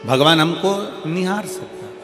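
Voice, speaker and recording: A man's voice: fairly high pitch, moderate pace, music in the background. A man preaching a devotional sermon to a crowd, repeating his phrases in a building rhythm and breaking into a sung hymn. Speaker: preacher telling a religious story. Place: large hall at a live religious gathering.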